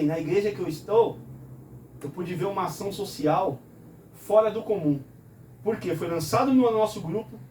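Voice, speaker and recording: On a talk show, a man preaches in a conversational way, his fairly high, mellow voice earnest as he raises one rhetorical question after another and answers each himself. He sits back from the mic, so the recording is distant, with roomy echo.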